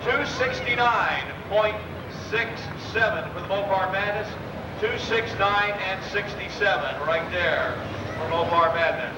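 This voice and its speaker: A man announces a tractor pull in a high voice, calling the event live in a deliberate way. The sound is echoey and distant, from an outdoor public address with very loud engine noise around it. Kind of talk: live event commentary over a PA. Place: outdoor motorsport track.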